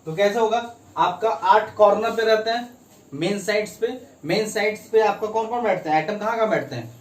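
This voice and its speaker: A man teaches a chemistry lesson, constantly quizzing the class, repeating key phrases and mixing in English terms. His voice is high and his pace moderate. The room echoes, with the mic placed at a distance.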